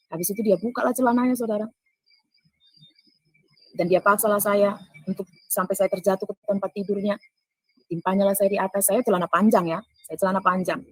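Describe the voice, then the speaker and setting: A woman's voice: medium pitch, no echo, rough recording. A woman giving an earnest spoken testimony. She addresses her listeners directly and acts out the dialogue she quotes. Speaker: testifying speaker.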